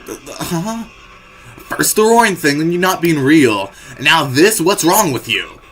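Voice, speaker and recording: A man voicing a tough, brash female monster teen from a game, talking loud and blunt. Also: mid-range voice, very animated, moderate pace, faint music behind, poor audio. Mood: angry. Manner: loud, blunt, shouting bursts.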